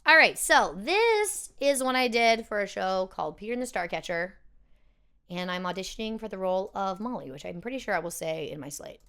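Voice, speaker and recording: A woman's voice: mid-range voice, animated, fairly quick, pushed and bright, clear, resonant tone. A young woman chatting casually and self-deprecatingly as she reacts to her own audition tapes.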